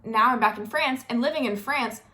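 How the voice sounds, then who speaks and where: American woman guest, General American accent, slightly high-pitched and bright, relaxed and talkative. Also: fairly quick. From Florida, United States. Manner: chatty, frequent "like" fillers. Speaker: interview guest. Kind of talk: casual conversation.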